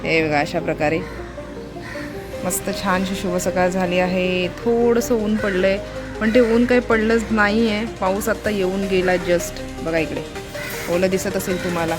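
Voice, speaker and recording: A woman's voice: medium pitch, steady tone, normal speed, music in the background. A woman with a Marathi accent narrating a casual home vlog from her kitchen, chatting to viewers as she points things out. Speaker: vlogger.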